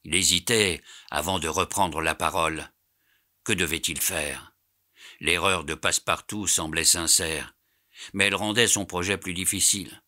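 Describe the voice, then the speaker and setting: A man narrating a classic novel as an audiobook, in a measured storytelling way. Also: low voice, steady tone, pushed and bright. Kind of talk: scripted narration.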